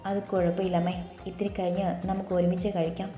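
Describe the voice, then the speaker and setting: A woman voicing a gentle, caring young daughter-in-law who talks softly. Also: on the low side, flat delivery, a little fast, reverberant, soft background music, lightly acted.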